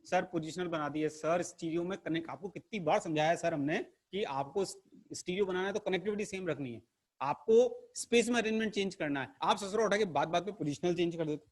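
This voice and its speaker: A man voicing a cheeky young student who scolds his teacher in an exasperated, higher voice during a playful online chemistry class. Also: a little fast. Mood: scolding. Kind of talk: playful classroom role-play.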